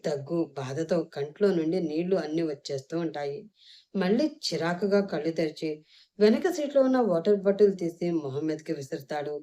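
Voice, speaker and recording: A woman narrating an audio novel with dramatic, expressive storytelling. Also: on the low side.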